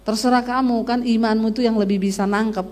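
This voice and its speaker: A man's voice: high-pitched, fairly even intonation, quick pace, darkish tone, a little hiss or hum, natural voice. A woman quoting her easygoing husband. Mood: yielding. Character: patient husband, middle-aged man, easygoing.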